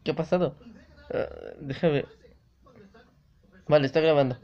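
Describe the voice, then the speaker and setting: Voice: mid-range voice, steady tone, a little slow. Jugador que grita con los sustos. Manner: jumpy, exclaims and swears at scares. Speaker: gamer playing a visual novel. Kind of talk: let's play commentary. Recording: dull lo-fi recording.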